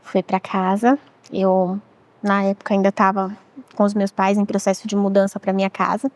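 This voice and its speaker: A woman in her thirties with a Brazilian Portuguese accent, telling a painful personal story as a guest in a measured, reflective way, often quoting her own past words. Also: mid-range voice, level tone. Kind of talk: emotional personal testimony.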